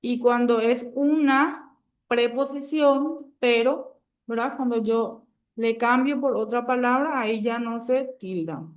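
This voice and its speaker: A woman's voice: a little high, slow pace. A woman teaching a grammar lesson to a class, patient and checking understanding often.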